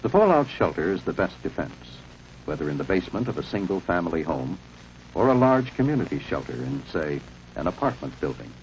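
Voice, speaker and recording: Male American narrator for 1950s instructional film, low voice, strongly varied intonation, authoritative, on muffled old soundtrack. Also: big pitch swings, brisk, a little mellow, a little hiss or hum. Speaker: documentary narrator. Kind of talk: 1950s civil defense film narration, scripted.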